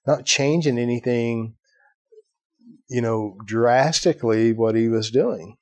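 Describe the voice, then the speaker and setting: A man's voice: mid-range voice, takes it slowly, a little mellow, no echo, lo-fi sound. A man hosting a podcast, telling a story in casual conversation with lots of asides and "right?" tags. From Ireland. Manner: storytelling, acts out quoted voices, fillers like "right?". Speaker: podcast host.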